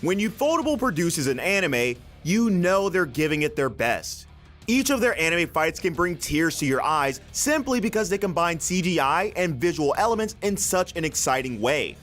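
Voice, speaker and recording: A man's voice: fairly high pitch, big pitch swings, normal speed, fairly bright tone, soft background music. A man reading scripted countdown narration for a video list.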